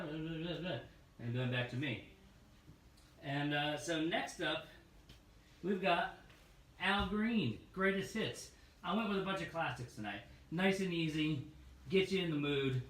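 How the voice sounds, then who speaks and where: A man hosting a live record-store showcase, pitching albums in a loose, joking, sometimes profane patter. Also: sharp tone. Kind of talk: casual live product showcase. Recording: roomy, distant mic with faint noise.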